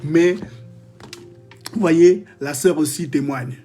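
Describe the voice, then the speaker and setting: A man preaches on a live stream in a fairly high voice, with soft music playing behind him. He reads out testimonies and breaks into exclamations and jokes with his viewers. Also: fairly even intonation, takes it slowly.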